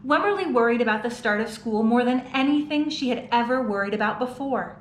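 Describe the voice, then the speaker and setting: A woman reads a children's picture book aloud, expressively, pausing to ask the young listeners questions. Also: fairly high pitch, animated. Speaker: children's storytime reader. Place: children's museum. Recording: roomy echo, faint background noise.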